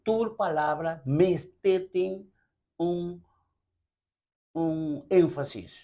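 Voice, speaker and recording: A man with a Curaçaoan accent interviewing, halting and thinking aloud as he asks questions. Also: fairly high pitch. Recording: slightly dull lo-fi sound.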